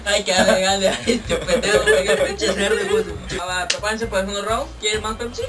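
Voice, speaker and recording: A man's voice: high-pitched, steady tone, quick pace, a loud crowd. A man with a Mexican accent acting as referee among friends, announcing in a casual mock-official way with slangy, insulting banter. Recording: distant mic, clear music behind.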